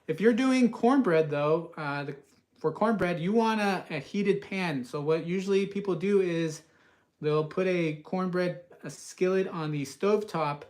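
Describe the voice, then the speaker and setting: Male live-stream cooking host, West Coast, slightly higher voice, loose and chatty with filler words. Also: measured pace, darkish tone. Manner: casual, rambling, many uhs, reads viewer comments aloud.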